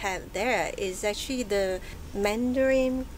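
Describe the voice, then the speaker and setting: Thoughtful, soft-spoken woman from Hong Kong. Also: mid-range voice, a little slow, slight background noise, poor audio. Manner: soft-spoken, thoughtful, with frequent hesitations and gentle laughs. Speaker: podcast guest. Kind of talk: casual interview chat. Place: bookshop, live recording.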